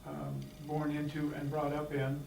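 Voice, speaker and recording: A fairly high-pitched American man, a clan member, offers unscripted remarks from the floor of a meeting, speaking haltingly with many fillers and restarts. His voice is monotone with vocal fry. He stands far from the mic in an echoey hall, with a faint hiss beneath.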